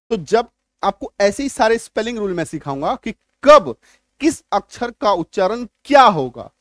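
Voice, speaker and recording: A man's voice: high-pitched, no room sound, clean studio sound. A middle-aged man teaching English spelling rules in a classroom style, explaining through homely comparisons and often checking that students follow.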